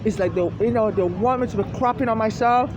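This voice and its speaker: A woman from Africa giving a rambling, aggrieved personal monologue, halting and often repeating herself, outdoors in the rain. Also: a little high, muffled recording. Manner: repetitive, halting and restarting, aggrieved. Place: outdoors on a city street in the rain. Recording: noisy outdoor street with traffic.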